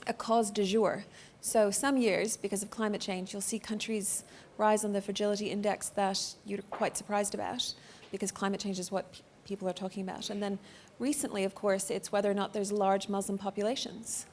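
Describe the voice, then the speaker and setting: A woman's voice: mid-range voice, slight background noise. A woman chairs a policy forum panel. Her voice sits in a middle range, and she speaks in articulate, composed sentences. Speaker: panel moderator. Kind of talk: moderating a panel discussion.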